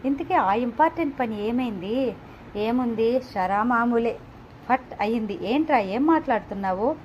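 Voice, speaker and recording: A woman's voice: fairly high pitch, expressive, moderate pace, darkish tone, a little hiss or hum. A woman reading a novel aloud, narrating and speaking every character's lines in much the same voice. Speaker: audiobook narrator. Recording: slightly dull, lo-fi home recording.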